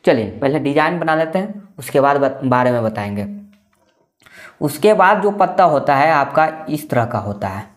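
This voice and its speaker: A man's voice: a little high, expressive, normal speed. A man explains a maths lesson in an easygoing classroom way. He repeats each point and keeps asking questions that he answers himself. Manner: repetitive, asks and answers own questions. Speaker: maths teacher.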